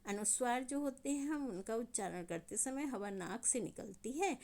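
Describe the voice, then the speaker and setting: A woman teacher giving a grammar lesson to schoolchildren, explaining patiently step by step and drawing out the example sounds slowly. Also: a little high, expressive, a little mellow. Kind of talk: online Hindi grammar lesson.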